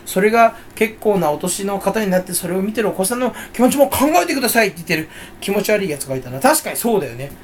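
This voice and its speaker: A man's voice: high voice, animated, quick pace, hardly any pauses, a little hiss or hum. A man talking to himself in a casual, rambling solo monologue, joking and mocking himself. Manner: self-mocking, jokey, rambling. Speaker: channel host.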